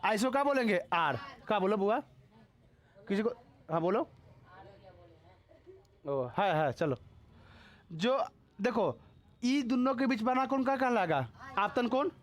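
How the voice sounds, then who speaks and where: A male school teacher with a Bihari Hindi accent lectures a live physics class in a high, very animated voice, at a measured pace with frequent pauses. He fires short, repeated questions at students to check their understanding, mixing in scolding and teasing.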